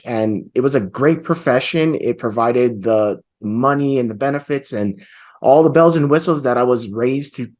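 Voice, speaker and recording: Guy from hawaii telling his story over a video call, earnest, mid pitched. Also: darkish tone. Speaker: guest real estate investor. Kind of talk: storytelling interview answer. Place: home office with bookshelves.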